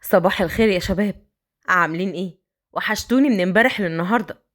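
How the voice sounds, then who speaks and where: A woman with an Egyptian accent voicing a smitten older rich man who coaxes in slow, drawn-out lines. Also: mid-range voice, a bit bright, pitched below the performer's own voice, close to an everyday voice. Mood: coaxing. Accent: Egyptian Arabic.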